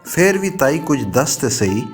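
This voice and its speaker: A man's voice: mid-range voice, very animated, normal speed, faint music behind, close to an everyday voice. A man reading a novel aloud, voicing a respectful middle-aged station master who speaks earnestly and coaxingly. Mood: pleading.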